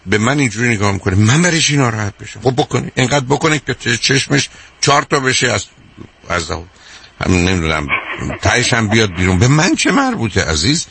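A man's voice: medium pitch, sing-song, gravelly, a bit bright, slightly rough. An older man hosting a radio call-in advice show, talking emphatically and repeating his points, calling the caller dear.

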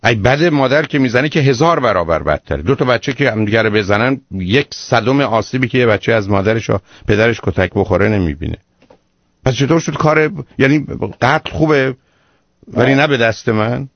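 A man's voice: mid-range voice, animated, dry recording, dull audio. A man hosting a radio call-in advice show, lecturing a caller sternly and emphatically.

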